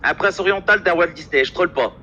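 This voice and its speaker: A man with a broad Franc-Comtois accent rattles on quickly and playfully over a voice call. His voice is bright and sharp, with a slightly high pitch. The call audio is dull and lo-fi, with a faint hiss behind it. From eastern France, Franche-Comté. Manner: fast-talking, rambling, joking. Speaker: caller. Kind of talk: casual phone call.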